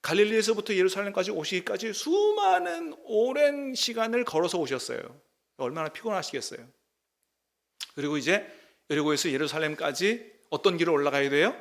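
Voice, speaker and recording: A man's voice: sits high, sing-song, brisk, gravelly. A middle-aged male pastor preaching a sermon, emphatic and often putting questions to the congregation.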